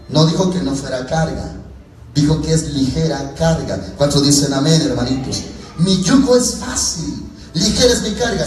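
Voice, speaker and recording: A man preaching a sermon to his congregation. He calls them brothers, asks rhetorical questions and acts out people's pleas to God. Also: a little high. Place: church hall. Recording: echoey hall, distant mic, faint music.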